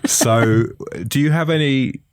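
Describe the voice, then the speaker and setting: A man hosting an interview, asking long measured questions with a few fillers and restarts. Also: mid-range voice, clean tone, dry recording, clean studio sound. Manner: measured, searching for words with fillers. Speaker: host.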